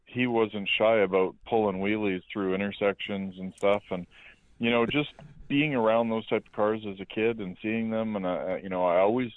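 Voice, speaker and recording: Very low male voice, middle-aged, from Canada, tinny phone sound, relaxed rambling. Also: normal speed, no room sound. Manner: relaxed, rambling with many fillers. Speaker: guest, metal fabricator and speed shop owner. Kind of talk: casual interview chat.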